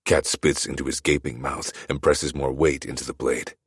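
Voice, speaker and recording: A man narrating a dark romance audiobook in the first person, in a brooding, measured way. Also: very deep voice, flat delivery, breathy edge, no room sound, studio quality.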